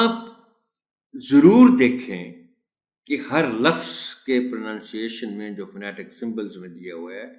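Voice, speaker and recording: Male instructor teaching pronunciation, unhurried and animated in pitch, recorded in a reverberant room. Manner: slow, deliberate, repeats example words with stress. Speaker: teacher trainer. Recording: roomy echo.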